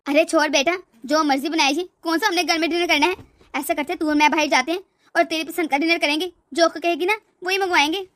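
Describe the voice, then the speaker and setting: A woman's voice: very high voice, fairly even intonation, fairly quick, a bit bright, no room sound, clean studio sound. A woman voicing a bossy, scornful older mother-in-law in a cartoon, nagging and haughty. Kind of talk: cartoon voice acting.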